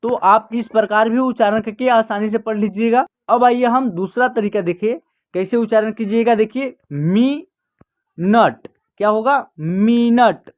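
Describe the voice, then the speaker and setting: A teacher giving a beginner reading lesson, patiently repeating each word and slowly stretching out syllables to show pronunciation. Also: mid-range voice, fairly even intonation. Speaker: Hindi teacher.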